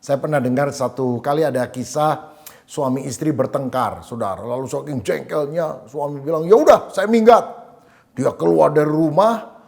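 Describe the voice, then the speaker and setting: Storytelling male preacher, slightly high voice. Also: vocal fry. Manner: storytelling preacher, lively, acts out dialogue. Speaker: pastor. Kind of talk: sermon. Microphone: church online service recording.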